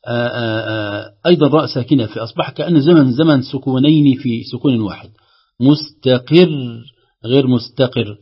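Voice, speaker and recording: A man teaching the rules of Quran recitation, speaking slowly and repeating words to show how they are pronounced. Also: mid-range voice, slightly rough, highs cut off. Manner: slow, deliberate, repeats words to demonstrate pronunciation.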